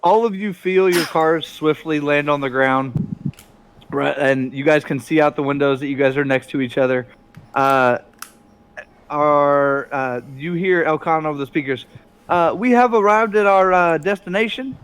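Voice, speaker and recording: A man's voice: a little high, steady tone, unhurried, fairly bright tone, clean tone. A man narrating a tabletop game as game master, with lots of fillers, over voice chat. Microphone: headset over voice chat.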